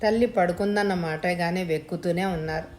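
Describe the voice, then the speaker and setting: Woman, audiobook narrator, lowish voice, steady measured reading. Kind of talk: scripted story narration.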